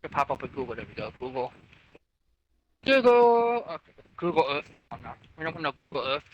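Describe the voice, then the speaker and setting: A man's voice: fairly high pitch, sing-song, fairly quick, dull audio. A man chatting casually while working a console, muttering to himself as he goes. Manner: muttering to himself as he works through menus. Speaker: co-host of a show review. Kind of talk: casual chat while using a game console.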